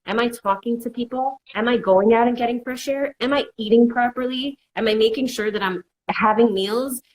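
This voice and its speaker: A woman mental health counselor offers casual, reassuring advice, repeating "it's okay" and voicing worried inner thoughts as if quoting them. Her voice is a little high and her pace moderate. The recording is rough.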